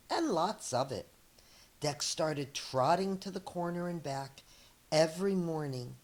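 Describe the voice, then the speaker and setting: A middle-aged woman teacher with a low voice reads a children's picture book aloud. The telling is deliberate and expressive, punctuated by chatty asides.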